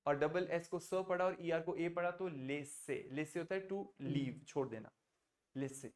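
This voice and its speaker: A man teaching a French class, explaining sounds patiently and mixing Hindi with English. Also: a little high. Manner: explains slowly, mixing Hindi and English, coaxes students to repeat. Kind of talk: online class teaching pronunciation.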